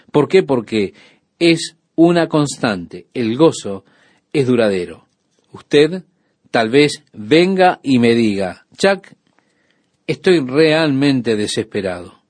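A man giving a radio sermon, preaching calmly and measuredly with frequent pauses. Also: mid-range voice, slightly rough, no room sound. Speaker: radio Bible teacher.

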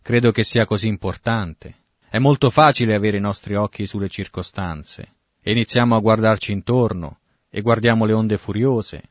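A man's voice: on the low side, normal speed, dry recording, dull audio. A man preaching a sermon, reading scripture and explaining it, now and then acting out the quoted lines. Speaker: pastor. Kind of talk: sermon, Bible exposition.

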